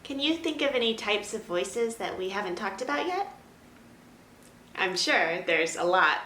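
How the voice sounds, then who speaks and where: Woman drama teacher, slow and gentle instruction, echoey room. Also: medium pitch, sing-song. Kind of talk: recorded children's lesson. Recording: roomy echo, faint ambience.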